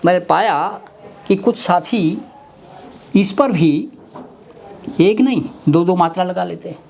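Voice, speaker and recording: A man giving a Hindi grammar lecture, deliberately repeating sounds and words to demonstrate their pronunciation. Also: sits high, gravelly, a little mellow. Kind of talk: slow explanatory webinar lecture. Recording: faint background noise with clicks.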